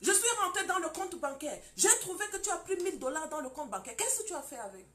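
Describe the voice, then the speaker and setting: A woman acting out an angry husband who scolds his wife in a loud, accusing tone. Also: high voice, big pitch swings, fast talker, pitched above the performer's own voice. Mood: scolding.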